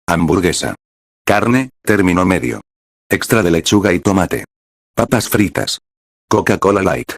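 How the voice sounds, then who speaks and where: A man's voice: sits low, expressive, unhurried, pauses often, no echo, clean studio sound, heavily acted. A man voicing a confident, polished young lawyer who speaks decisively in an audiobook. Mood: dry.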